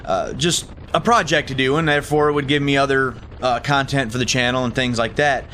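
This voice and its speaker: A man talking casually inside a motorcycle helmet as a motovlogger, rambling and thinking aloud with halting restarts. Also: medium pitch, a bit bright, slight background noise. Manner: halting, thinks aloud with repeated false starts. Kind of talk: casual rambling vlog talk.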